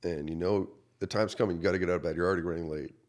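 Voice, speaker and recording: A man in his thirties, a pastor, earnestly telling a personal story in a podcast interview, going from quiet to loud. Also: low voice, steady tone, rapid-fire. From United States. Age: 30s. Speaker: associate pastor.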